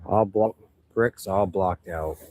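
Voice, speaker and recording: A man out of breath, excitedly narrating as he walks outdoors by a river canal, filming on a handheld camera. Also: deep voice, takes it slowly. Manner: excited, amazed commentary. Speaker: vlogger exploring ruins. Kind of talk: outdoor walking vlog. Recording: noisy outdoor ambience.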